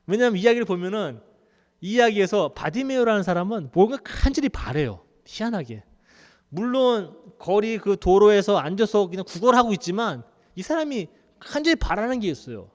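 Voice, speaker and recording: 한 남자 목사가 교회에서 이야기하듯 편하게 설교하며, 중간중간 웃음을 섞어 성경 이야기를 생생하게 풀어냅니다. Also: male voice, high-pitched, moderate pace, big-room sound. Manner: conversational, animated storytelling with laughs. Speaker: pastor. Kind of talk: sermon. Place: church sanctuary.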